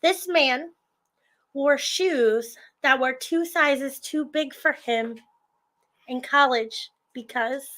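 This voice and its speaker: A woman with a high, bright voice co-hosts a podcast in casual chat. She teases her partner warmly and laughs easily at his stories. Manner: teasing, quick to laugh. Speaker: podcast co-host.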